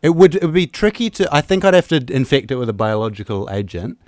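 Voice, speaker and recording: A man appearing as a comedian guest on a casual podcast, trading deadpan quips with stammering restarts. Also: mid-range voice, quick pace, no room sound, clean studio sound.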